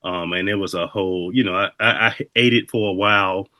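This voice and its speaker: A man's voice: sits low, steady tone, brisk, sharp tone, no echo. A man hosting a casual interview, telling his own stories in a reflective, conversational way. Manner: reflective, conversational, loose storytelling. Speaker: host.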